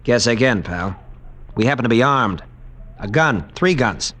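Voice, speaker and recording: An actor playing a brash, defiant military lieutenant with old-fashioned hero bravado in a 1940s radio drama. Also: male voice, medium pitch, lively intonation, a little slow, a bit bright. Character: brash, defiant military lieutenant, tough skipper recounting his ordeal. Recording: noisy 1940s radio recording.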